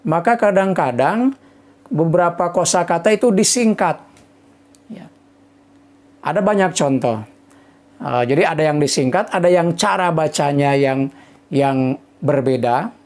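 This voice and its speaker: A man from Indonesia giving a casual Arabic lesson, relaxed and chatty, slowing down to sound out example phrases. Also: a little high. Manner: relaxed, peppers talk with "nah" and "ya", sounds out example phrases slowly. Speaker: Arabic language teacher.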